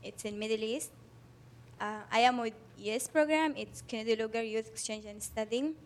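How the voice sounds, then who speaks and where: A young woman from Yemen, softly and hesitantly introducing herself as an exchange student. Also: a little high, moderate pace.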